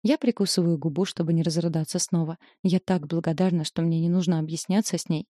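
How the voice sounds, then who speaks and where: A woman's voice: on the low side, fairly even intonation, fast talker, warm tone, no room sound, studio quality. A woman reading a novel aloud in the first person, telling a tense, confessional story. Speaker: audiobook narrator.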